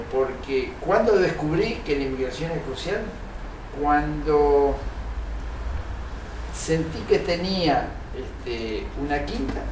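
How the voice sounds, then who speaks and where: An older man, born in Italy, talks through his answers earnestly and haltingly, full of pauses and fillers. His voice sits a little high, and it sounds roomy and distant, with steady noise in the background. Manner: hesitant, many fillers, earnest. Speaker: interview guest, engineer and researcher. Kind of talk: reflective interview answers. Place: TV studio set. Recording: roomy, distant mic, noisy.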